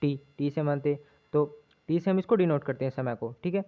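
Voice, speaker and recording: A male physics teacher gives an exam-prep lesson, explaining step by step, repeating himself, and checking in often with tag questions. His voice is on the high side at normal speed, and the recording is muffled with a narrow lo-fi sound.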